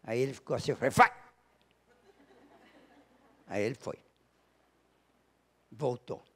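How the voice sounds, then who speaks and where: A man with a Brazilian accent giving a spiritual lecture, telling a personal story, acting out the dialogue and slowing down to stress key words. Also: mid-range voice, fairly even intonation, breathy edge. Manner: storytelling, acting out dialogue with big shifts in loudness. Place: lecture hall at a spiritist center.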